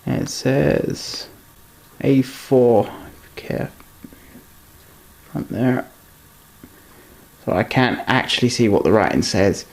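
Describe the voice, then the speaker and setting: A man chats casually through an unboxing, rambling and doubling back on his words as he handles the models. His voice has a gravelly, creaky edge at an ordinary pitch. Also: slow, pauses often. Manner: rambling, self-correcting, talks while handling items. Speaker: model train reviewer.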